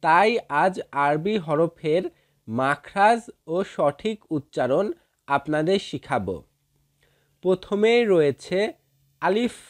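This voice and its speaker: Man, very slow, somewhat high voice, patient letter-by-letter teaching. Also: expressive. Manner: drawn-out letter sounds, repeats each one for listeners to follow. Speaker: Quran reading teacher. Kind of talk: slow step-by-step recitation lesson.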